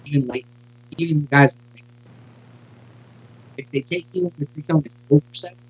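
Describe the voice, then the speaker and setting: A man's voice: on the high side, normal speed, darkish tone, slightly rough. A man hosting a sports show, talking stats casually over a remote connection whose audio keeps cutting out. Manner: rattles off draft statistics, casual fillers. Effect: audio cutting out and dropping in level. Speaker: sports radio host. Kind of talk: casual sports analysis chat. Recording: dull lo-fi call audio.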